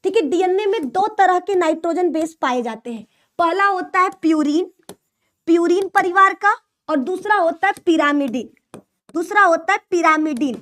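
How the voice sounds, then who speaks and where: Young female biology tutor, UP-Bihar accent, very high voice, repetitive call-and-response lecturing. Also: fairly bright tone. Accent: UP-Bihar Hindi. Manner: repetitive, call-and-response teaching with mnemonic jokes. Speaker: biology teacher. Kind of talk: online class lecture.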